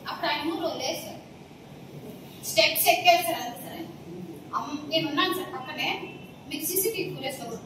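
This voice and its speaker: A woman's voice: sits high, fast, long pauses. A woman making an indignant, pleading appeal to reporters, repeatedly addressing them as sir. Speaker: complainant speaking to the press. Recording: echoey, distant mic, noisy surroundings.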